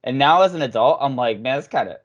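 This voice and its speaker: A man's voice: mid-range voice, expressive, fast talker, muffled recording. A man co-hosting a movie podcast, talking loosely and laughing, with frequent swearing. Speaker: podcast co-host. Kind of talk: casual movie chat.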